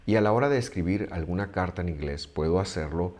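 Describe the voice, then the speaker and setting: A native Spanish speaker leads a Bible study in a measured way, pausing often and restarting his sentences. His voice sits low with a darkish tone.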